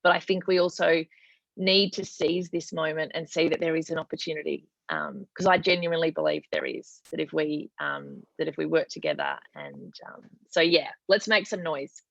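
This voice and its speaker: Woman host, gravelly, earnest wrap-up, heard over a dull, dry call line. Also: low-pitched, very animated, moderate pace, fairly bright tone, no room sound. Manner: earnest, rallying closing thanks with fillers. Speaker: host closing an online report launch.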